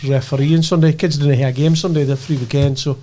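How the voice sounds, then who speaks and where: A man's voice: a little high, steady tone, fast talker, dark tone, a little hiss or hum. A man with a Scottish accent, telling stories in casual banter as a podcast co-host. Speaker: amateur football referee.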